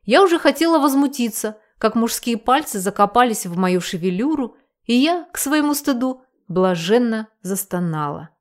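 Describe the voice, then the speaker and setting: A woman narrating a first-person audiobook with an expressive reading. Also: fairly high pitch, moderate pace.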